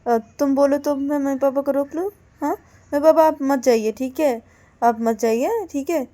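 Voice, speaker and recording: A woman's voice: on the high side, normal speed, dark tone, lightly acted. A woman voicing Ananya, a protective young woman who coaxes and scolds insistently in a storybook tale.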